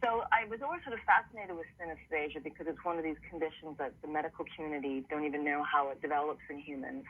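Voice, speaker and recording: Thin phone-line audio, man, highish husky voice, explanatory interview guest, conversational storytelling. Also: fast talker, hardly any pauses. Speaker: author and TV producer being interviewed. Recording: tinny narrowband phone line.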